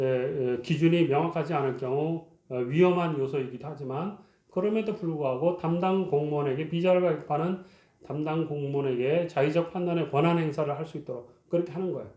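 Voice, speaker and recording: A man's voice: fairly high pitch, mellow, reverberant, highs cut off. A male lecturer explaining a university course topic, posing rhetorical questions to his students and talking with frequent fillers.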